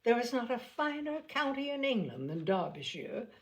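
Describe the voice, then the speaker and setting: A woman's voice: a little high, very animated, normal speed, pitched above the performer's own voice. A woman voicing a snobbish, spiteful young society lady in an audiobook, with an exaggerated, haughty, emphatic delivery that gushes and scorns. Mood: effusive, flattering. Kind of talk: audiobook character acting.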